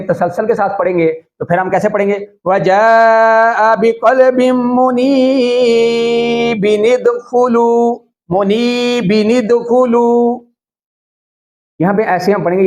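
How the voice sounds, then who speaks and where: A man with a Pakistani Urdu accent teaching tajweed step by step, slowly chanting Arabic words syllable by syllable and checking that viewers follow. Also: high-pitched, a little mellow. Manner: asks the viewer if it is clear. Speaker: Quran recitation teacher.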